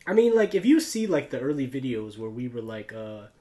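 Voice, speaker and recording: A man's voice: mid-range voice, big pitch swings, fairly quick, warm tone. An American man chatting casually and telling personal stories in a rambling, slangy way, peppered with like, dude and bro. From United States. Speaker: YouTuber, podcast host. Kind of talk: casual chat, personal storytelling.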